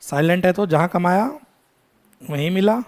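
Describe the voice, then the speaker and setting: A man teaching a tax lecture in Hindi mixed with English, quizzing his students, calling them "beta" and scolding them briskly. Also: high voice. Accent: Indian English. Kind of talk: classroom lecture.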